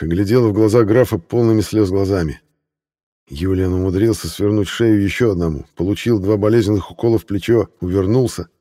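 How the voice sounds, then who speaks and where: Deep-voiced male audiobook narrator. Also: mellow.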